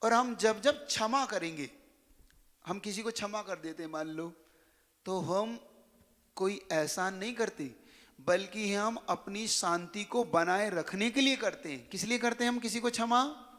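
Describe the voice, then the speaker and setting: A man's voice: sits high, a little slow, a bit bright, long reverb tail. A male preacher giving a sermon to young students. He tells stories and asks many rhetorical questions. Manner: storytelling, full of rhetorical questions. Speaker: religious preacher.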